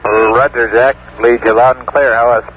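A man working as ground communicator, using rapid, clipped radio procedure talk over a crackly space radio link. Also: medium pitch, fairly even intonation. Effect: crackly space radio transmission. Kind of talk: air-to-ground radio exchange. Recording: muffled, noisy archival radio link.

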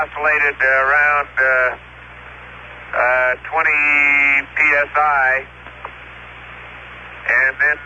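A male astronaut gives a halting technical report to ground control with many "uh" pauses, heard over a crackling space radio transmission. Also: on the high side, bright, forceful tone. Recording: muffled archive radio link with faint static.

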